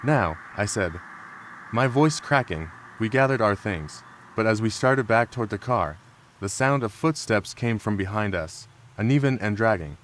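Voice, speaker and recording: A horror story narrator with a fairly low voice delivers a scripted scary tale calmly and without hurry. Rain sounds patter faintly behind him, and there is slight background noise.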